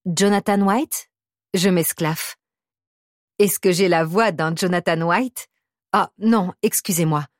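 Low-voiced woman reading an audiobook. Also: slow pace, no room sound, clean studio sound. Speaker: audiobook narrator. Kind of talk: first-person audiobook narration.

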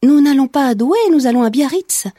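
A woman's voice: sits high, fairly even intonation, normal speed, dark tone, no echo, clean studio sound, pitched above the performer's own voice. Woman doing a frightened, fretting old lady. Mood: nervous. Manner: nervous, hesitant, fretting. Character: timid, anxious old woman in her eighties.

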